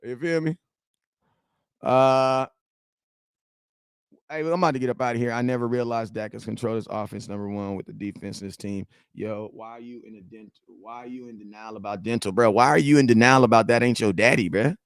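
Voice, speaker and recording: A man, reading and answering viewer chat in a slangy, animated sports rant. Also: mid-range voice, brisk, clear, resonant tone, dry recording, studio quality. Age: 40s. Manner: animated, slangy trash talk, shouts at chat. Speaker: sports fan streamer.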